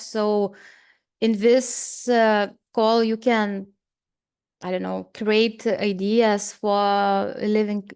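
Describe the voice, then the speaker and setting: Slow, hesitant woman presenting. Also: medium pitch, darkish tone, smooth. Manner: hesitant, many pauses and fillers. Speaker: seminar presenter. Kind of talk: presenting slides at a seminar.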